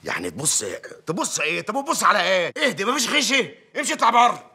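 An actor with an Egyptian accent playing a crude, tyrannical village mayor in a TV drama, barking threats. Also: male voice, high voice, huge pitch swings, fast talker, sharp tone, husky, heavily acted. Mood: leering. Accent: Egyptian Arabic. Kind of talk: TV drama acting.

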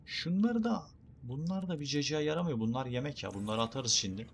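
A young YouTuber narrates his gameplay in an expressive, brisk, mid-range voice, joking around in slang and speaking to his audience as well as the creatures he meets. It's casual let's play talk with slight background noise.

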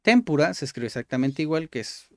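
A man's voice: on the high side, sing-song, brisk, a little hiss or hum. A man giving casual gameplay commentary, repeating each word aloud and explaining it like a patient tutor. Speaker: gaming YouTuber.

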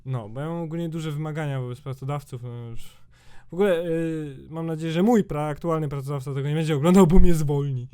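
A young man in his twenties talks in a rambling, sweary vlog rant. His voice sits a bit higher than most men's but has a dark, mellow colour. A sore throat leaves it slightly hoarse. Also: quick pace. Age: 20s. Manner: rambling, sweary, exasperated, many fillers. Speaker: YouTuber.

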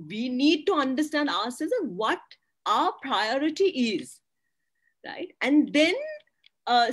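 A woman in her thirties speaks as a panelist over a laptop webcam in a small curtained room. Her voice sits a touch high. She talks earnestly, leaning on "you know" and "right?" as she makes her points. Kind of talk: panel discussion on a video call. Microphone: laptop webcam on a video call.

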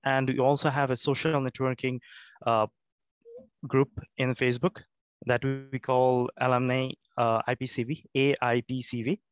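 A man speaks over a video call in a sleepy, jet-lagged voice, stopping often with fillers and restarts. His pitch sits in the middle for a man, and the sound is dry and close. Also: little pitch movement, moderate pace, smooth, dry recording, muffled recording. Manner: hesitant, many fillers and restarts. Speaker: alumni association representative. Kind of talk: remote presentation speech.

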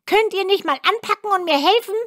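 A woman's voice: dry recording, clean studio sound. A woman doing a shrieking, furious ancient dwarf. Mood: scolding. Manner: shrill yelling, scolding, rushed. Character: furious ancient male dwarf, rude and impatient. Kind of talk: storybook reading for children.

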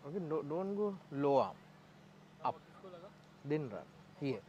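Coaching bowlers at outdoor cricket nets, a Sri Lankan man speaks broken English in short, direct bursts and laughs often. His voice is a little high and very animated, delivered a bit slowly. The clip-on mic recording has background noise and its highs cut off.

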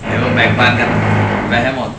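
A man's voice: fast, distant mic, over loud music. A man talking casually with family while being filmed on an amateur home video. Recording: very noisy, echoey home video.

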